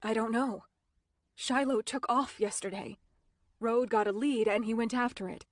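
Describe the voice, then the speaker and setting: A woman's voice: a little high, moderate pace, no echo, close to an everyday voice. Woman narrator as a young heroine: tense, insistent, dry booth. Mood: upset insistent. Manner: strained and insistent. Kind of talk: audiobook character voicing.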